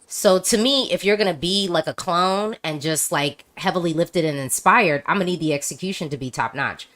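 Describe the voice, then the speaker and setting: A woman's voice: lowish voice, normal speed, a bit bright. A woman hosting a casual video-call chat, talking emphatically with frequent restarts. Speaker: host.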